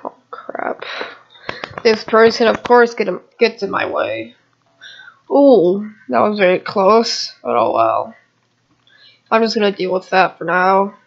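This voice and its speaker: This gamer narrates his own gameplay with a mid-range, animated, creaky voice at a measured pace. The commentary is casual and rambling, with muttered asides to viewers. It's captured on a home computer microphone that cuts off the highs.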